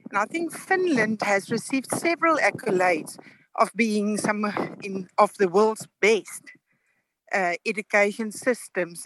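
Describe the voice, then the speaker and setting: A woman's voice: mid-range voice, a bit bright, poor audio. A woman speaking as a committee member in a formal debate, plain and direct.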